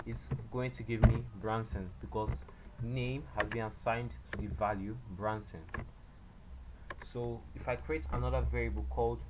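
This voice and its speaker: A man giving a beginner programming tutorial, explaining step by step in a halting way and often repeating himself. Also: medium pitch. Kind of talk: screen-recorded coding tutorial. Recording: loud background noise and clicks.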